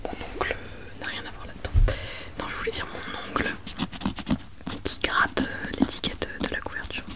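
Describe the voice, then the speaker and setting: A woman presents books in a hushed ASMR library whisper, chatty and rambling with self-mocking asides. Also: moderate pace. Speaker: ASMR video creator.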